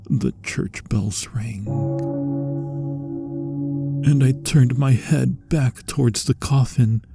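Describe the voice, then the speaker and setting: A man with a mid-range voice performs a hushed, deliberate ASMR monologue as an anguished vampire, once human, confessing to his lost love. He pauses often and lets phrases trail off breathily.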